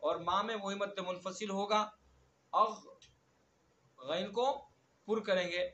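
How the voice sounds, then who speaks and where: Bright high-voiced man teaching recitation. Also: fairly even intonation, reverberant, highs cut off. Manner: slow drawn-out recitation of verses between quick explanations; repeats words over and over to drill pronunciation. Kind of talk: online tajweed lesson.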